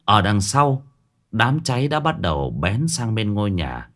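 A man narrating a ghost story in a lively, colloquial way. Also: fairly low pitch, a little slow.

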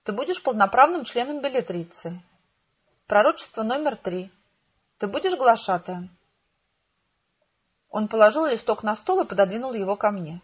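Brief: female audiobook reader, first-person, fairly high voice, steady and expressive, muffled home recording. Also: normal speed, long pauses, breathy edge. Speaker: audiobook narrator.

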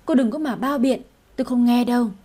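A woman voicing a stern, quick-tempered older lady of the house who scolds and gives orders. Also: on the high side, dark tone, natural voice. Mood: scolding. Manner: scolding, commanding.

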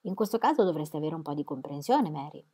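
A woman's voice: low-pitched, lively intonation, fast, dark tone, slightly rough. Fred, an idle proud young man, as a woman reads him. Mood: sulky. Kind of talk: audiobook reading.

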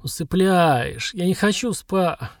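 A man's voice: a little high, lively intonation, a little slow, darkish tone, no room sound, studio quality. A man as a grumbling crippled ex-mage. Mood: sullen grumbling. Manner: groaning, sullen complaints. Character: weary crippled former battle mage, grumbling.

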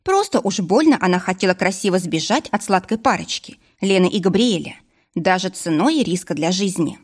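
Woman narrating a novel, lowish voice. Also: expressive, moderate pace, husky. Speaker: audiobook narrator. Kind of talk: scripted narration.

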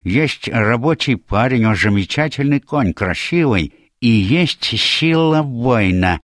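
A man's voice: medium pitch, expressive, slow pace, no room sound, clean studio sound, pitched above the performer's own voice. A man voicing an anxious, hopeful young stable hand in a read-aloud detective story. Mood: eager. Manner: pleading, worried.

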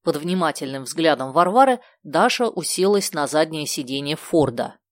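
A woman narrating a children's book in a steady, clear storytelling manner. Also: sits low, normal speed, no echo. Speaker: audiobook narrator. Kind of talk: scripted narration.

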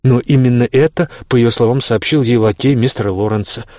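A man's voice: a little fast, darkish tone, no room sound, clean studio sound, natural voice. A man voicing a spiteful, coquettish young lady in an audiobook, with mocking, sugary speech. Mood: gossiping. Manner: mocking, sugary, high-pitched. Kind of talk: audiobook character voice.

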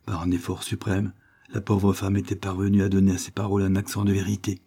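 A man narrating a classic novel in a measured, low reading voice. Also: monotone, dark tone, husky. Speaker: audiobook narrator.

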